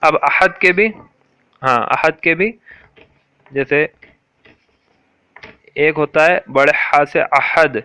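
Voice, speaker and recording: A man teaching correct Quran pronunciation, patiently repeating words slowly and quizzing a listener. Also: fairly high pitch, sharp tone, clean tone, no room sound.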